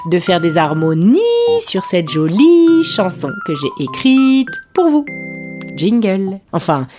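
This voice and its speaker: A woman's voice: on the low side, very animated, unhurried, music in the background. A woman hosting a podcast, chatting casually with playful, bouncy, sing-song greetings to listeners. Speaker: podcast host.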